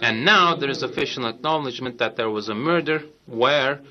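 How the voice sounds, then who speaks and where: A man speaking as a live interpreter, translating a leader's words in a halting, measured way. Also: medium pitch, music in the background. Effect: live interpreter voice over a press event. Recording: dull lo-fi clip with crowd behind.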